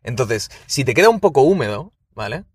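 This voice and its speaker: A man's voice: medium pitch, big pitch swings, brisk, breathy edge. Young Spanish man, swearing podcast host. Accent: Spain. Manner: swears freely, calls listeners chavales. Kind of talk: casual podcast chat.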